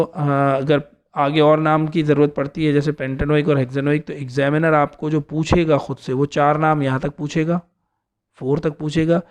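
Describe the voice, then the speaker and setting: A man teaching an organic chemistry lesson, explaining step by step and often checking in with his students. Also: a little high. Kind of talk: classroom lecture.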